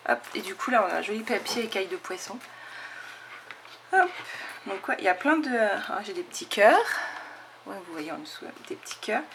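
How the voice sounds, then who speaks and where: A scrapbooking channel host eagerly shows off craft mail in a casual show-and-tell, chatting with her viewers. She's enthusiastic and chatty, using lots of fillers and saying "hop". Her voice is medium-pitched, with noise in the background.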